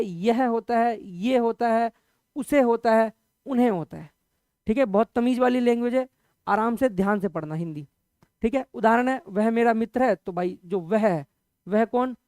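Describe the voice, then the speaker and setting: A man's voice: high-pitched, a little mellow, dry recording, clean studio sound. A man teaching a Hindi grammar lesson for exam preparation, explaining patiently and checking in with his students after nearly every point. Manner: conversational, repeats examples slowly. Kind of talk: exam-prep grammar lecture.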